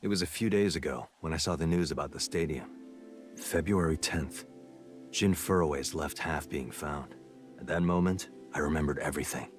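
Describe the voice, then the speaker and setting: An actor playing a serious special agent in a game, speaking in an earnest, grave manner. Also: male voice, a bass voice, normal speed. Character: serious male special agent recounting his investigation. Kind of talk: scripted game acting. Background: music.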